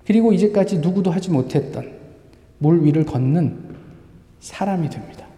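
A man's voice: fairly high pitch, animated, normal speed, mellow. Male pastor, Sunday sermon in a reverberant church hall, questions the congregation. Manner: asks the congregation rhetorical questions. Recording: echoey hall with long reverb.

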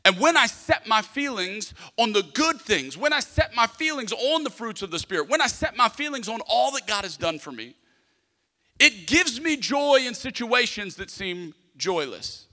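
A man's voice: very high-pitched, sing-song, moderate pace, sharp tone. A man preaching a sermon in an emphatic yet conversational way, with humorous personal stories. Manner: emphatic, with repeated phrases for the congregation to echo; conversational, acting out small dialogues. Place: large hall, preaching to a congregation. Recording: long hall reverb.

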